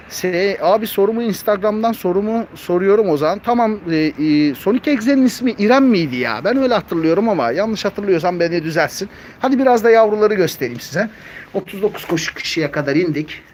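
A man's voice: sits high, slight background noise. A young man chatting casually on a live stream, reading viewer comments aloud and cooing at his cats at home.

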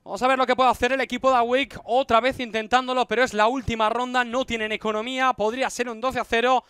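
A man working as an esports caster, giving urgent, excited play-by-play commentary on a match. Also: extremely high pitch, quick pace, smooth, no echo. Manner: urgent, running description of the action.

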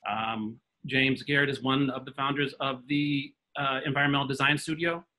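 A middle-aged man from the Midwest of the US introducing his arts organization on a video call, fluent and listing things crisply. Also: mid-range voice, fairly even intonation, normal speed, bright, forceful tone, rough recording. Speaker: panelist, arts organization founder. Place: home room with framed posters. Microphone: video call webcam.

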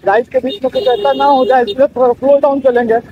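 A young man from Bihar, India, rides a motorbike through town and chats casually to his viewers, repeating himself as he goes. He speaks fast in a very high voice with fairly even intonation. The phone-quality recording has slight background noise.

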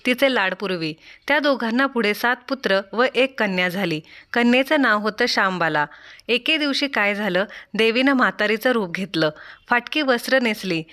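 A woman reading aloud a devotional folk tale in a measured, rhythmic storytelling style. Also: a little high, expressive, bright, forceful tone. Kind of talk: scripted folk tale narration.

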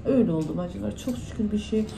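A woman's voice: medium pitch, fast talker, creaky, dark tone, faint music behind, rough recording. A woman vlogger, chatting casually to her followers at home and retelling conversations in reported speech. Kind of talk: casual vlog talk to followers.

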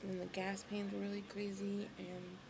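A young woman speaking casually to camera, tired and weak after surgery, low on energy and hesitant. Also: monotone, moderate pace. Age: young adult. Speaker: vlogger. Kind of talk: casual video diary. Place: hospital room. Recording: clearly noisy webcam recording, room ambience.

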